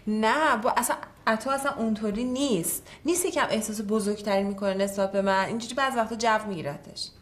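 An actress playing a tactful young sister in a TV drama, with a breathy voice. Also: female voice, medium pitch, hardly any pauses, natural voice.

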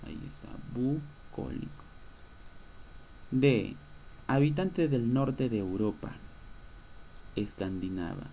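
A man's voice: mid-range voice, animated, slow, creaky, pauses often, warm tone, highs cut off, slight background noise. A male schoolteacher giving a recorded lesson, patiently explaining and answering his own questions. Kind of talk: recorded online class lesson.

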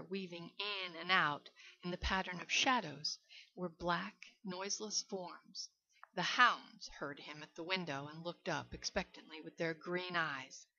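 Woman reading a story, lowish voice, bit muffled lo-fi. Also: sharp tone. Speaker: reader. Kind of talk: reading a short story aloud. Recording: dull lo-fi recording.

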